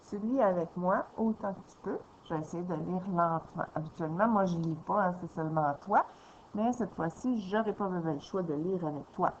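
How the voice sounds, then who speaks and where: A woman, a teacher walking a young child through a reading lesson slowly and patiently, step by step. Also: medium pitch, a little hiss or hum. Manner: slow, patient, explaining step by step. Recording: dull lo-fi sound with faint ambience.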